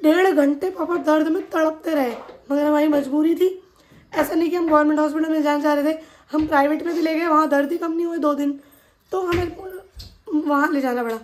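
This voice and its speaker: A woman with a high voice tells a family story in a casual vlog. She talks animatedly and acts out what each person said. She is recording in a home kitchen. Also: brisk, a little hiss or hum. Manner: animated, retells events with quoted dialogue. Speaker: family vlogger.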